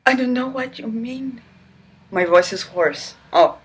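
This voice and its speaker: A woman with a slightly high, unhurried voice carrying a breathy edge reads a romance novel on her channel with exaggerated theatrics. She pauses to squeal and crack sarcastic jokes throughout the mock-dramatic performance.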